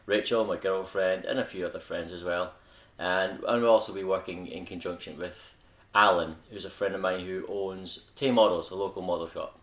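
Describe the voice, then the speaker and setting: A young Scottish man hosts a hobby channel video, chatting casually and unscripted, rambling a little as he corrects himself. His voice sits low with a fairly bright tone.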